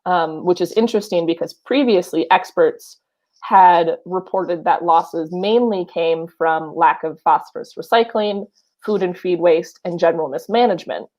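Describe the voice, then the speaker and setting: A woman with a Wisconsin accent co-hosts a podcast, reading news articles aloud and breaking in with casual asides full of fillers. Her voice sits lowish with a darkish tone, and she keeps a moderate pace in a chatty manner.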